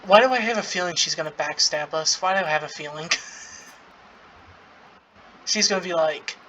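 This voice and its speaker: Casual gaming playthrough voice, mid-pitched and bright, reading dialogue aloud with amused, giggly reactions. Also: a little hiss or hum, low-quality recording. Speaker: gaming content creator playing through a story event.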